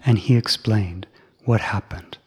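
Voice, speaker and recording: A man telling a Buddhist story to children, soft and often dropping into a whisper. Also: fairly low pitch, a little slow, husky.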